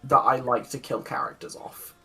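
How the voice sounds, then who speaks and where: A British speaker in a casual group chat, animated and laughing often. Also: mid-range voice, moderate pace, gravelly, faint music behind. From United Kingdom. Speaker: co-host of a roleplay channel.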